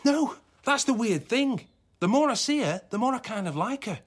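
A glib, chummy boss. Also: male voice, very high voice, animated, moderate pace, breathy edge, exaggerated voice. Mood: breezy. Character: smarmy, breezy young male boss who discards his friends. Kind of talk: radio sitcom acting.

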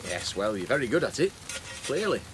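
An actor playing a defensive young driver in a radio sitcom, giving terse replies. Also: male voice, medium pitch, very animated, brisk, noisy background, lightly acted. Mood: teasing. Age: young adult. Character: put-upon, defensive young male driver.

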